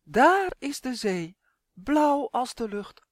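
A woman's voice: on the high side, very animated, takes it slowly, no room sound, clean studio sound, voice pushed up, full character voice. A woman voicing a stiff, caring old grandmother hen in a storybook, with a raised, calling motherly tone.

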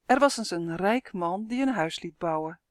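A woman reading her own children's fairy tale aloud, with clear, lively storytelling and voiced characters. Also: lowish voice, normal speed, no echo, clean studio sound.

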